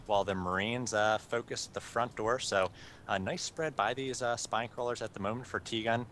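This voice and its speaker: A man's voice: on the low side, moderate pace. Chill guy casting a strategy game, lots of uhs, noisy hissy mic, laid back. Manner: relaxed, chuckling, thinks aloud with many fillers. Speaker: esports caster. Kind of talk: live game commentary.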